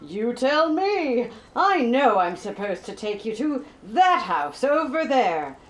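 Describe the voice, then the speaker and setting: Woman as high, swooping, scatterbrained Ghost of Christmas Present. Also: sing-song, slow pace. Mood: playful, teasing. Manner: theatrical, scatterbrained. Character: flighty, forgetful, theatrical Ghost of Christmas Present. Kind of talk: hobby Christmas radio play acting.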